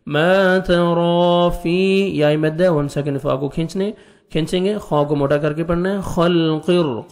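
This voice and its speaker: A man teaching Quran reading, explaining each letter step by step and slowly reciting verses in a drawn-out, melodic way. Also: a little high, darkish tone, in a large hall. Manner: patient, step-by-step letter instruction. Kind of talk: tajweed lesson, slow recitation between explanations.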